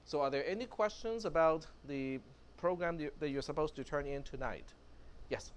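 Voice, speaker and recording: His voice sits on the high side and flows smoothly at a normal speed. In a laid-back classroom lecture on computer science, the Cantonese-speaking man rambles comfortably, sprinkling in fillers and little laughs.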